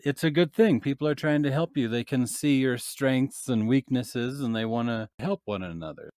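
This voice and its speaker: A man's voice: mid-range voice, moderate pace, a little mellow, dry recording, clean studio sound. A man hosting a casual podcast interview in an easygoing, joking way. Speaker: podcast host.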